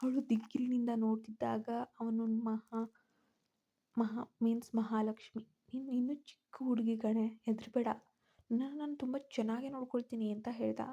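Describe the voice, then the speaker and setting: A woman reads a serial story in an even, measured manner. Her voice sits fairly high but is mellow and warm. Her intonation stays quite flat. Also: slightly rough.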